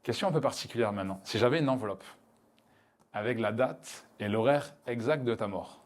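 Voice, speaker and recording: A man's voice: medium pitch, a little fast. A man hosting a podcast interview, asking direct questions in a conversational way. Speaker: podcast host.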